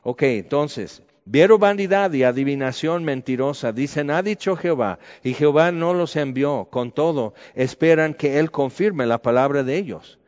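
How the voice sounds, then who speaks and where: A man with a Mexican accent preaching a conversational sermon, candid and colloquial with lively asides. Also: fairly high pitch, normal speed, few pauses. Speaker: pastor. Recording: echoey hall, dull lo-fi sound.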